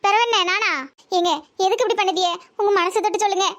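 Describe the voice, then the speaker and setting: A woman voicing a scolding, anguished middle-aged wife and mother in a comedy cartoon, with a Tirunelveli Tamil accent and a shrill, wailing manner. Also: fairly even intonation, fast talker, fairly bright tone.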